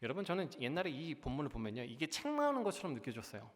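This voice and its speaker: A man's voice: a little high, wildly swooping pitch, rapid-fire. A young man preaching a sermon as junior pastor, earnest, often turning to the congregation and building to emphatic peaks. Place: church sanctuary. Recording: long church hall reverb.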